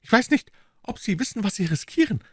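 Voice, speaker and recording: A shrill, high-pitched gangster held prisoner, as a man reading a storybook puts him on, snapping out his words in scornful outbursts. The voice is pushed well above a deep reader's own, raised and tense, in a dry room. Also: animated, a little fast, vocal fry, fairly bright tone, no echo, exaggerated voice. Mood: furious. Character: angry frightened male gangster captive.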